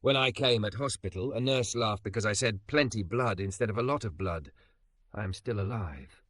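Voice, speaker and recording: A man voicing a calm, patient immigrant man who speaks softly and teases gently. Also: lowish voice, no echo, close to an everyday voice. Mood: gentle. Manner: soft, gentle, measured.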